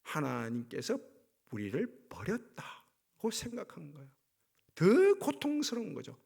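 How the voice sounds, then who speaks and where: A male pastor preaching a sermon, acting out cries of anguish with sweeping swings in pitch and volume. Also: huge pitch swings, measured pace, vocal fry, darkish tone, husky.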